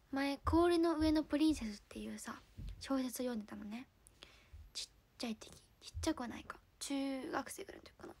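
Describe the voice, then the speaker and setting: A young woman from Fukuoka with a Hakata accent, chatting casually on a livestream, giggling and sometimes dropping to a soft murmur. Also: high-pitched. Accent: Hakata dialect. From Fukuoka, Japan. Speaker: idol livestreamer.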